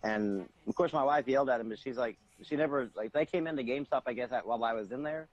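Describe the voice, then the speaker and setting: A man's voice: medium pitch, quick pace, highs cut off. A man co-hosting a gaming podcast, telling stories in a rambling, profane way. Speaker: podcast co-host. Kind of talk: casual gaming chat.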